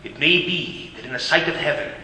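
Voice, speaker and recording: An actor voicing the giant Ghost of Christmas Present in a radio drama, speaking in slow, grave pronouncements. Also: male voice, fairly high pitch, lively intonation, bright, forceful tone. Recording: echoey hall with faint hiss.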